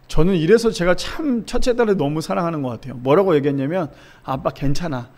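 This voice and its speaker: A man's voice: on the high side, quick pace. A man in his thirties, a pastor preaching a sermon, telling stories about his children and asking the congregation questions. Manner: warm storytelling with rhetorical questions to the congregation.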